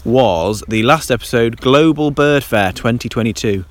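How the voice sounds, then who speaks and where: A man's voice: mid-range voice, normal speed, no room sound. A man hosting a casual solo podcast, rambling with many ums and restarts, recorded on a handheld dictaphone in a damp garden in light rain. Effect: handheld dictaphone recording outdoors. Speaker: podcast host. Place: damp garden outdoors in light rain, then a covered shelter.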